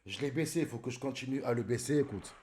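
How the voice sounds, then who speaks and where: A man's voice: mid-range voice, fast, darkish tone, a little hiss or hum. A man streaming live in casual chat, greeting viewers by name and calling them brother.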